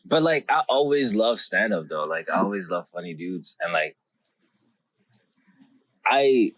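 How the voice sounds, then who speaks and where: A man's voice: low-pitched, lively intonation, measured pace, fairly bright tone, dry recording. A French-born man, French as his first language, chatting casually as a guest comedian in a laid-back, giggly way and swearing freely. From France. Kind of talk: casual podcast chat.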